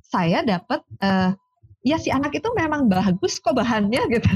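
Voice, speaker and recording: Animated woman telling stories, husky voice. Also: on the high side, moderate pace, no echo. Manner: animated storyteller, acts out quoted dialogue. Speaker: sports psychologist, guest. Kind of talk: casual interview chat.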